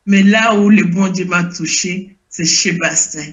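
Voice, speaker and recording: A woman's voice: fairly low pitch, fairly even intonation, a little slow. An older woman giving an emotional spoken testimony, hesitant and repeating herself as she searches for words. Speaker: testifying church member. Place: lives in Belgium.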